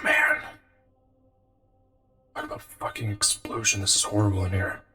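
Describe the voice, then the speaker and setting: A man in a virtual-reality roleplay, giving brisk orders with his voice filtered tinny and metallic through a gas mask. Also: lowish voice, wildly swooping pitch, loud music behind the voice. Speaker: roleplayer leading a fire crew. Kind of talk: casual in-character roleplay.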